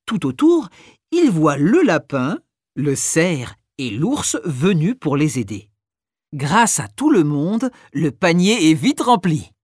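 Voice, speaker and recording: Expressive woman reading a children's story. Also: deep voice, takes it slowly, husky, dry recording, studio quality. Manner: expressive, acts out each character.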